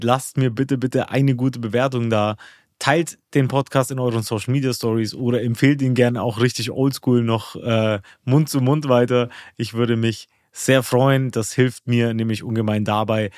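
A man hosts a podcast interview, his questions earnest and sometimes restarting mid-phrase. His voice sits at an ordinary pitch. The room sound is dry and close. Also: fairly even intonation, normal speed, darkish tone, no room sound. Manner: earnest, fills with "äh" and restarts when asking questions. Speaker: podcast host. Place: indoors.

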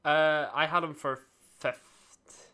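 A young man, talking in a casual chat, halting and excitable. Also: on the high side. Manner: halting, restarts a lot, excitable.

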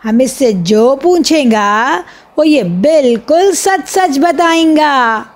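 A woman voicing a boy who plays a street magician, with slow showman patter in broken grammar. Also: sits high, lively intonation. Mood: showy.

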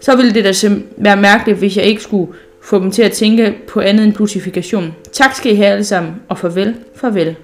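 A bold, cheeky storybook girl, read aloud by a woman, chatting away about fanciful plans. Her voice sits at a middling pitch and stays close to an everyday speaking voice. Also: fairly even intonation, hardly any pauses, lightly acted. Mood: playful.

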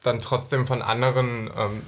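Guy from halle w/ a regional accent, chatting on a podcast, kinda halting. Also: medium pitch, flat delivery. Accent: Saxony-Anhalt dialect. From Halle, eastern Germany. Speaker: guest. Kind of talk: casual podcast chat.

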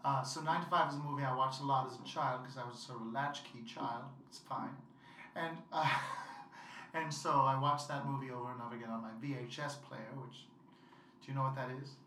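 Playful laughing woman, bright echoey sound. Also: a bass voice, fairly even intonation, brisk, slight background noise. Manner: playful, laughing, acts out quotes loudly. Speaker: guest performer. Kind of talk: casual interview chat. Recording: echoey room from far off.

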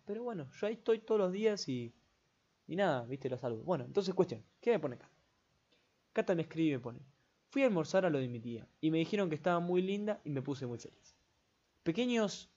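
A man's voice: fairly high pitch, a little mellow. Chatty Rioplatense young man, lo-fi. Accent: Rioplatense Spanish. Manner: rambling, chatty, full of filler tags. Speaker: podcast host. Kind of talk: casual solo podcast chat. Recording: dull lo-fi recording.

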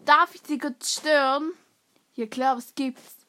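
A young woman co-hosting a playful sketch podcast, teasing and excitable. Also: high-pitched, slow. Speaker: podcast co-host.

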